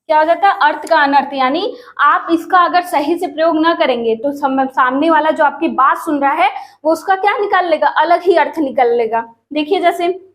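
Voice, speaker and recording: A woman's voice: high-pitched, moderate pace, fairly bright tone. A woman teaching an exam-prep grammar lesson, asking questions and answering them herself and calling her viewers friends.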